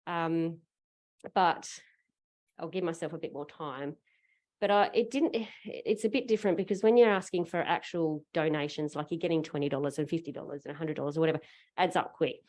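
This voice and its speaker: Low-voiced Australian woman talking through a face mask. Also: a little fast, a little mellow. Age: middle-aged. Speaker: panel speaker, parent fundraiser. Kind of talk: informal personal account to a group.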